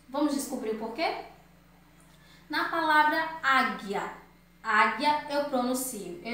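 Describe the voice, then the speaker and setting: A woman teaching grammar to children, sounding out words slowly and firmly. Her voice sits fairly high. She is recorded far from the mic in a very echoey room with faint background noise. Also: a bit bright. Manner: slow, emphatic word-by-word drilling. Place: room at home.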